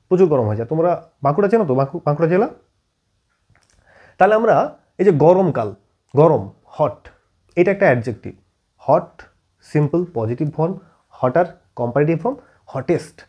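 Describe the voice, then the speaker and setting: A man from teaching an English grammar lesson, constantly checking whether students follow with quick questions. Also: fairly high pitch, a little mellow, breathy edge, dull audio. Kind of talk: classroom-style video lesson.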